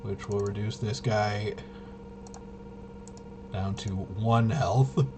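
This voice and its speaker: Speaking very slowly in a lowish, fairly even voice, this man plays and presents tabletop RPGs solo. Against a noisy background, he casually talks through the game, thinking aloud and hesitantly muttering as he figures things out.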